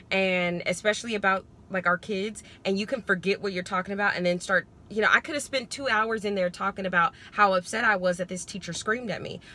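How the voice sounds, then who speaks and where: A woman's voice: medium pitch, sharp tone, slight background noise. A woman talking casually to viewers in a parenting vlog, explaining her advice in a conversational, emphatic way. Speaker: parenting vlogger.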